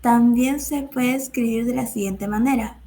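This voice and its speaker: A woman's voice: a little high, moderate pace, mellow. A young woman with a Peruvian Spanish accent, carefully reading rules and examples from class slides. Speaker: student presenter.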